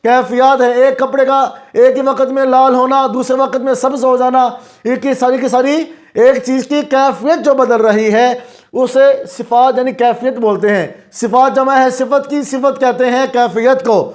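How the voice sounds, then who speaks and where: A man teaching Quran recitation rules, asking the class questions and answering them himself, and chanting examples slowly. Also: very high-pitched, level tone. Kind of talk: explanatory lesson.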